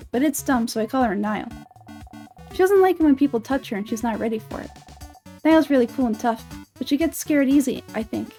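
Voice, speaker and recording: A woman voicing a cheerful, energetic little kid adventurer from a game, talking in a chatty, earnest way. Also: high-pitched.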